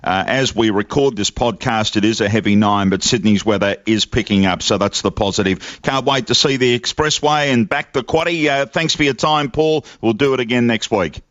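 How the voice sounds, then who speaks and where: A man's voice: medium pitch, normal speed, hardly any pauses, fairly bright tone, no echo. A man hosting a horse racing podcast in a conversational style. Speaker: podcast host. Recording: dry, slightly muffled lo-fi audio.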